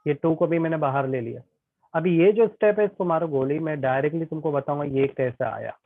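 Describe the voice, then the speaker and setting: A man's voice: fairly high pitch, fairly quick, no echo. A male tutor teaching an online physics class, chatty and often checking that students follow. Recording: tinny phone-like online class audio.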